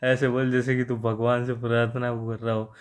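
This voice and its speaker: A man's voice: mid-range voice, level tone, brisk, close to an everyday voice. A man voicing a bossy, menacing young hero. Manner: crude, bullying commands.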